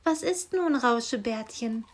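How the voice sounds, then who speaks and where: A woman's voice: on the high side, expressive, measured pace, pitched above the performer's own voice. A woman reading aloud and voicing an insistent female helper angel who coaxes with cooing pet names. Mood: coaxing.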